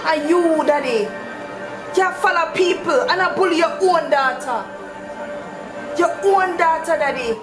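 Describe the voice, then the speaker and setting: A woman acting as a defiant Jamaican teenage daughter at wits end in a drama. Her very high voice is slow and emphatic, exasperated, in an echoey room with music underneath. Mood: indignant, exasperated. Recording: roomy echo, music laid over dialogue.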